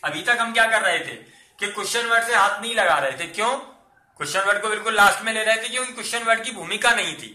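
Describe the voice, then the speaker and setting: A man with a high, very bright voice teaches a grammar lesson and walks through each step by asking and answering his own questions. The room around him is echoey. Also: fast talker. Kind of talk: Hindi-English classroom lesson.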